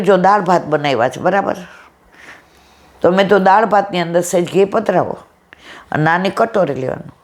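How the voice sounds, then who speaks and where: A woman leads a devotional gathering. She tells a story through quoted back-and-forth with an affectionate, homely manner, her voice sitting at an ordinary middle pitch. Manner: affectionate, storytelling, addresses listeners as "my dear". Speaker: satsang speaker. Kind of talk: devotional talk retelling a conversation.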